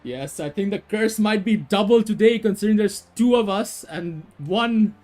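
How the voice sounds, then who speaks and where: A man's voice: high voice, normal speed, a little mellow. A young man doing casual, chatty commentary on a cricket video game, laughing often and using lots of fillers.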